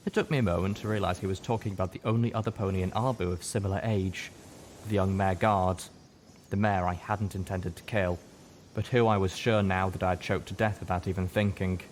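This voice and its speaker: A man narrates a dramatic piece of fiction as an audiobook reader, his voice steady, darkish, and fairly quick. Noticeable background noise with a low rumble sits behind him.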